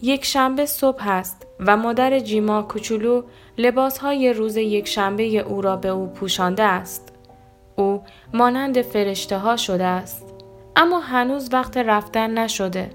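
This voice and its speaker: A woman giving a calm, measured scripted devotional reading in a gentle storytelling manner. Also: mid-range voice. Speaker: devotional reader. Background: soft guitar music.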